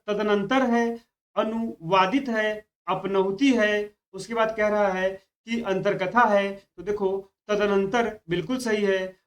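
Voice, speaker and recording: A man teaching Hindi spelling for an exam, stretching out each key word and often repeating that students should keep it in mind. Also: high voice. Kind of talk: spoken exam-prep lesson.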